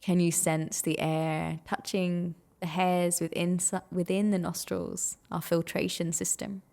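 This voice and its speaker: This meditation is led by a woman whose lowish voice carries vocal fry and barely moves in pitch. She is gentle and soothing, taking her time and pausing at length.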